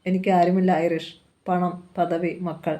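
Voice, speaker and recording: Brief: woman reading an old rich man from a storybook, low flat delivery. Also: a little slow, lightly acted. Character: old wealthy man, pleading then domineering.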